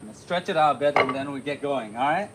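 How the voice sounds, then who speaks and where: A man from Vietnam hosting a martial arts livestream, chatting casually with viewers while he warms up, with lots of uh fillers. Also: medium pitch, fast, heavy background noise. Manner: relaxed, chatty, many uh fillers, laughs often. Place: home in the city.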